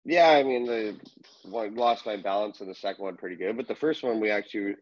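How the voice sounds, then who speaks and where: A man's voice: lowish voice, a little fast, no room sound. A young man from Canada, a hockey player, chatting easily as a guest over a video call, with short agreeable replies. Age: young adult. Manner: easygoing, brief agreeable replies. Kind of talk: casual interview chat. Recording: dull lo-fi video call audio.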